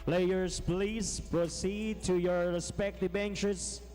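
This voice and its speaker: A man calling player introductions in an indoor arena, stretching out the names in a booming way over the public address system. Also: little pitch movement, a little mellow, faint music behind. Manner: drawn-out, booming name calls. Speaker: arena announcer.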